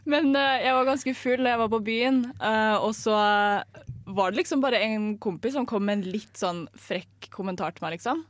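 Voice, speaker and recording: A young woman in her twenties co-hosting a radio show, telling animated, self-deprecating stories in casual chat. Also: a little high. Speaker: radio co-host. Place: radio studio.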